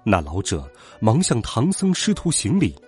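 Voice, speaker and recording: A man narrating a children's picture-book story in a slow, lively storytelling voice. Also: lowish voice, slightly rough, faint music behind.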